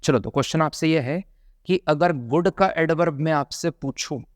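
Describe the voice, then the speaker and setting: A man teaching English grammar for exam prep, chatty and drawing out his examples slowly. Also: fairly high pitch, dry recording, studio quality. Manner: chatty, drills examples slowly, calls viewers brother.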